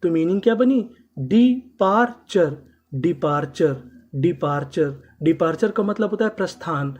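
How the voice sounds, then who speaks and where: A woman teaching English reading to learners, spelling words out letter by letter, asking her own questions and answering them, and slowly repeating each syllable and word. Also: lowish voice, animated, darkish tone, lo-fi sound. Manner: slow drilling repetition of syllables and words.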